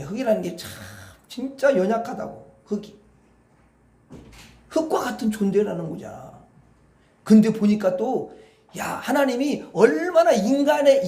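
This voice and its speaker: A male pastor preaching a sermon in an animated, folksy, rambling way, often addressing the congregation directly. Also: sits high. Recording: echoey hall.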